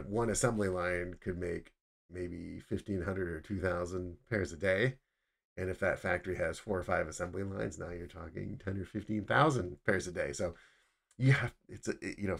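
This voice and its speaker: A man's voice: deep voice, vocal fry, husky. A middle-aged man casually narrating factory slides as a footwear design instructor, explaining with frequent restarts. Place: indoors, webcam over slides.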